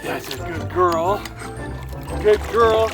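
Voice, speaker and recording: A woman's voice: medium pitch, slow, music in the background. A woman vlogger talking to her dog outdoors in casual, coaxing, repeated commands and praise. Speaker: pet vlogger. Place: outdoors at a lake.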